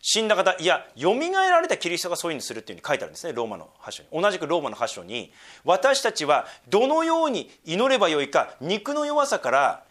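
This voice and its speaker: A man giving a sermon, moving between quiet, low asides and emphatic, slow readings of scripture. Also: huge pitch swings. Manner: wide swings between hushed asides and emphatic raised reading; slows down to read scripture deliberately. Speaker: pastor.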